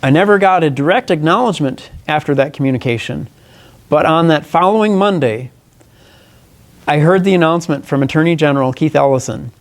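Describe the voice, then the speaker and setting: At a press conference, a man running for Congress delivers a formal statement, some of it read from a text. He has a slightly high voice for a man and speaks earnestly and deliberately. Occasionally he stumbles and corrects himself as he reads or explains.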